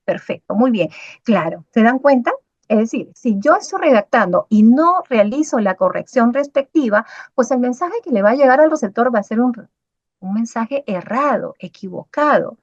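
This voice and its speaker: A woman's voice: fairly high pitch, dry recording. A woman with a Peruvian Spanish accent teaching a university writing workshop over a video call, repeating key points and checking in with students. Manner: checks in with students constantly, praising chat answers by name; repetitive, emphatic teaching cadence. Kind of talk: online class lecture over video call. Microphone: video call microphone. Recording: dull, dry online-call audio.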